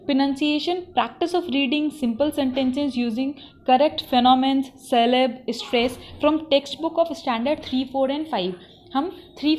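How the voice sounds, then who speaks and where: A high-pitched woman with an Indian English accent teaches a syllabus lesson. She mixes Hindi and English and reads the syllabus points slowly and carefully. A faint hum of noise sits under her voice.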